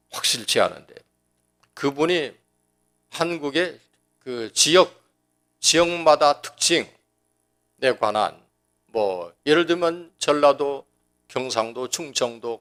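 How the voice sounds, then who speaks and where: A man preaching a sermon at a middle pitch. He keeps a folksy, joking tone and talks conversationally, often stopping and restarting a phrase. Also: fairly bright tone. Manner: folksy and joking, acting out dialect quotes. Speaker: pastor.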